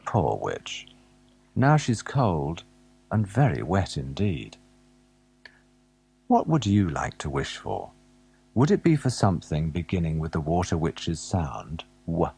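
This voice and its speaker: A man with a deep, slightly husky voice reads a picture-book story for small children. He takes his time and his pitch rises and falls a great deal as he coaxes the listener to spot things on the page. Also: big pitch swings, slow pace, pauses often. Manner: gentle, asks the listener questions and waits. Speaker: narrator of a children's alphabet tape. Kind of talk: scripted storybook narration for young children.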